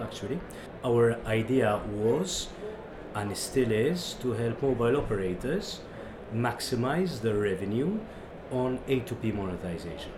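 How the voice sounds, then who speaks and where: A man with a Maltese accent answering interview questions as a company executive, explaining the business. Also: fairly low pitch. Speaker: company CEO and co-founder, interview guest. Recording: roomy, echoing, noisy venue.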